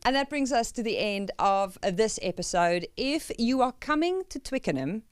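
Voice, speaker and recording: A woman's voice: a little high, animated, normal speed, clear, resonant tone, no echo. A woman with a South African, Afrikaans-tinged accent, hosting a podcast in a playful, self-deprecating, chatty way. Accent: South African, Afrikaans-influenced. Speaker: podcast host. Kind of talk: casual, joking chat.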